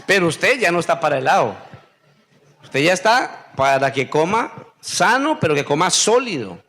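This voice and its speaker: A man preaches a sermon in a fairly high voice. He keeps throwing questions to the congregation and drags out the answers himself. Now and then he mimics whiny voices in a sharp squeak. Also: big pitch swings. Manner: call-and-response questioning, drawn-out answers. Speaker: pastor.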